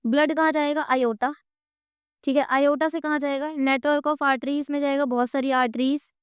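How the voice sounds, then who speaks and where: A high-voiced woman with an Indian accent and a slightly sore throat gives an exam-prep lecture with fairly even intonation at a moderate pace. She quizzes students with repeated questions, answers them herself, and draws diagrams on a board. The recording is dry and close, with no room sound.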